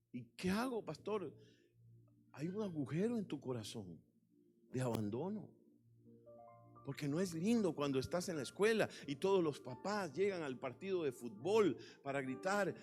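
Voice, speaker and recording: A male pastor preaching a sermon with passion, swinging into sudden loud emphatic bursts. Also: fairly high pitch. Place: church.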